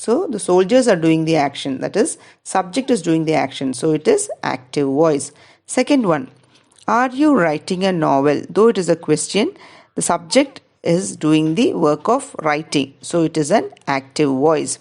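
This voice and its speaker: A woman teacher with a Malayali English accent walks pupils through grammar exercises. Her voice sits a little low, and she speaks slowly and patiently, reading each example sentence aloud before explaining it. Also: big pitch swings, darkish tone.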